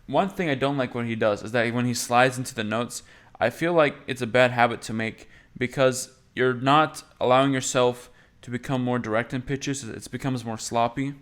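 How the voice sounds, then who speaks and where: A man's voice: medium pitch, fairly even intonation, normal speed, a bit bright. A man, a voice teacher, giving casual commentary on a video in a rambling way, with lots of fillers.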